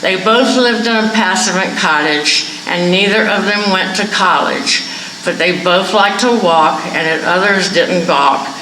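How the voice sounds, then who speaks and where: A woman reading her own limericks and a short story aloud, pausing with fillers between pieces, in an echoey room at a wellness center. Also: mid-range voice, sharp tone, a little hiss or hum. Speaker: poetry reader. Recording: echoey room, mic far off.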